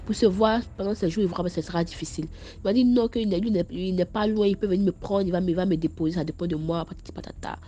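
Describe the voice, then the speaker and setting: Stammering young Ivorian woman, animated. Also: on the low side, fast, dull audio, slight background noise. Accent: Ivorian French. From Ivory Coast. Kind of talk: casual storytime vlog.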